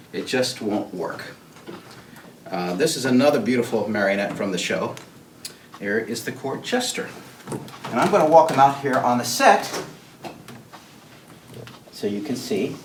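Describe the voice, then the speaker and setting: A puppeteer leads an unscripted, show-and-tell tour through the backstage and storage rooms of a puppet theater, his lowish voice animated and full of theatrical showman flourishes and emphatic repeats. The mic is distant and echoey, with background noise.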